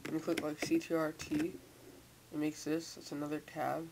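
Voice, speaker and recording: Teenager, mid pitch, casual tutorial, halting repeated words, speech hampered by sore braces, slightly hissy computer mic. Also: monotone, a little mellow. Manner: slightly impeded speech from a sore mouth with newly tightened braces. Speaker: software tutorial maker. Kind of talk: casual unscripted screen tutorial. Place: indoors at a computer. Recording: hissy, noisy home microphone.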